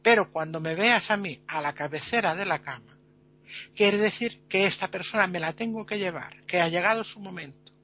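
A man voicing Death, a stern female godmother spirit who lays down the rules in a measured, solemn way. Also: high-pitched, pushed and bright, dull audio. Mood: solemn, hushed. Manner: solemn, measured warnings, later scolding.

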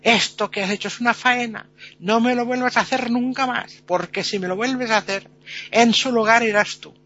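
A man voicing Death, a stern female godmother spirit who lays down the rules in a measured, solemn way. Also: sits high, pushed and bright, dull audio. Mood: scolding. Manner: solemn, measured warnings, later scolding.

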